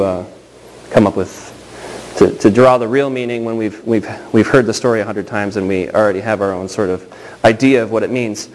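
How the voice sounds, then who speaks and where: A male pastor giving a sermon in a loose, conversational manner. He stumbles and restarts his sentences often, tossing in asides as he goes. His voice sits at a middling pitch. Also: darkish tone, a little hiss or hum, poor audio.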